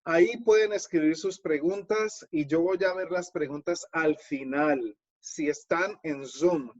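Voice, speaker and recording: Slow-spoken man hosting a webinar. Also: on the high side. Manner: patient, explanatory, speaks directly to viewers. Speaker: webinar host and Spanish teacher. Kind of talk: live online webinar presentation. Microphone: video call. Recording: dull lo-fi video-call audio.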